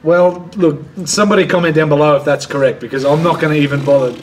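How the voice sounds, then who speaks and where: A jokey Australian man chats casually as co-host, his voice sitting a little high. He laughs easily and reads out viewer questions, with a faint hiss of noise behind him. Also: fairly even intonation, fast talker. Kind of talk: casual chat.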